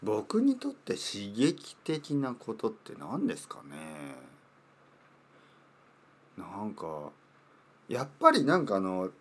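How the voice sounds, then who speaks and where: Male podcast host, 30s, low-ish voice with lots of pitch movement; joking, meandering, repeats himself while searching for words. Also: wildly swooping pitch, slow, long pauses, slight background noise. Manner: playful and rambling, repeats words while thinking aloud. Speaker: podcast host teaching Japanese. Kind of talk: casual solo podcast talk.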